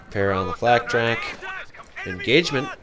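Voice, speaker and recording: A man's voice: mid-range voice, lively intonation, normal speed, noisy background. A man giving solo play-by-play commentary on a strategy game tournament, chatty and thinking aloud, often second-guessing himself. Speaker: game caster. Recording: loud game gunfire and artillery behind the voice.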